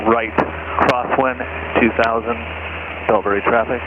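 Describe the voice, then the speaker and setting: Man as pilot on cockpit headset radio, clipped calls, muffled sound, loud engine noise. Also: medium pitch, fairly even intonation, measured pace. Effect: cockpit radio call heard over the headset. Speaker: pilot of another aircraft on the radio.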